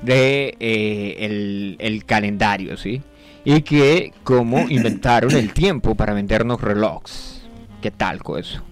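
A man's voice: fairly low pitch, slow, faint music behind. A man hosting a comedic radio show, telling anecdotes and acting out voices. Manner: joking, acts out voices in anecdotes.

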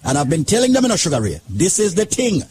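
A man's voice: high-pitched, huge pitch swings, fast talker, darkish tone, slight background noise. A man hosting a radio talk show, upbeat and persuasive with a sing-song lilt. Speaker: radio host.

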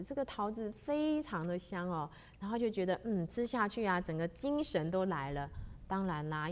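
Woman storyteller, chatty and easygoing, lots of drawn-out little particles. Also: medium pitch, a bit bright. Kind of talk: spoken storytelling of a religious legend.

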